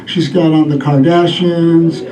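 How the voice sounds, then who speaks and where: A man's voice: fairly high pitch, steady tone, unhurried, dark tone, a little hiss or hum. A middle-aged man performing a stand-up routine, telling stories in a rambling way and acting out bits. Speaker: stand-up comedian. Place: live comedy venue with audience. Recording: echoey club room, distant mic, audience laughter.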